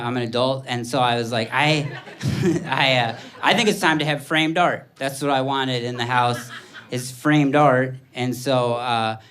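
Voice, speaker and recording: A man's voice: medium pitch, a bit bright. A man in his thirties doing stand-up comedy on stage, telling rambling, self-deprecating stories and acting out the people in them. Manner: rambling, self-deprecating storytelling with voiced quotes. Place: theater stage before a laughing audience. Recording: live stage recording with audible audience noise. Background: audience laughter.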